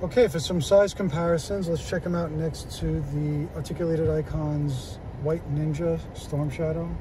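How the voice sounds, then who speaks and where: A man in his forties with a slightly high voice speaks at normal speed, casually reviewing a toy inside his parked car. He's relaxed and chatty, with lots of fillers, and films on a phone held at arm's length. There's noise in the background.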